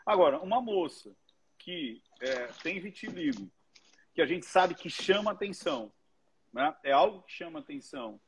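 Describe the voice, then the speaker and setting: A man, a guest who teaches public speaking, telling stories in an animated way and swearing freely. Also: on the high side, moderate pace, a little hiss or hum. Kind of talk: casual commentary chat.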